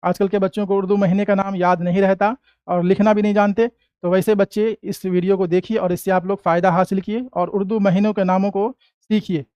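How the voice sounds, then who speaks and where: A man teaching a lesson, slowly repeating each word and answering his own questions, recorded close in a quiet room. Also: sits high, level tone, clear, resonant tone, no echo, muffled recording. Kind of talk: classroom-style lesson with call and response.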